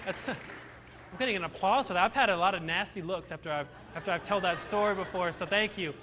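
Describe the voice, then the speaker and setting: A young Romanian-born motivational speaker tells his life story to a live audience in a large hall, using self-deprecating humor and often restarting his sentences. His high-pitched voice moves a little fast, with a big-room sound, a crowd in the background, and background noise.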